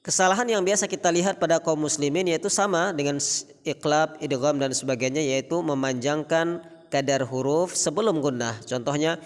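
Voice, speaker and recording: A man teaching a Quran recitation lesson on tajwid rules, explaining slowly and pronouncing Arabic examples in a raised, drawn-out recitation tone. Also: steady tone, big-room sound. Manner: slow, deliberate, models Arabic examples in a raised chanting pitch.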